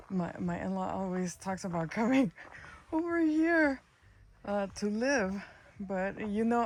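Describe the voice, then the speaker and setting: With slight background noise, a mid-range female vlogger chats and rambles through casual narration in strawberry fields, filming on a handheld phone. She drops into Spanish along the way.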